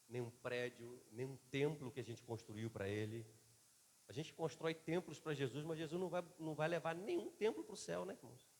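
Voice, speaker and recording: A pastor preaching a sermon, a man, swinging between loud and soft delivery in a church. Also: on the high side, big-room sound.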